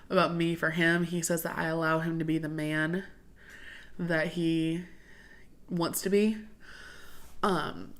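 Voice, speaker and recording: With a lowish voice, a young woman from the southern United States hosts a relaxed livestream. She answers viewers' questions, laughing often and sniffling as her sinuses drain.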